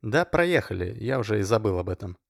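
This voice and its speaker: A man voicing a calm, good-natured young man who talks casually. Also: on the low side, fairly quick, vocal fry, no room sound, clean studio sound, heavily acted. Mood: easygoing. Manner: casual, easygoing.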